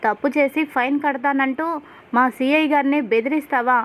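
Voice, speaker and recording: A woman's voice: sits high, fairly even intonation, normal speed, fairly bright tone. A woman reading the scolding, threatening lines of an arrogant male police officer in a retold story.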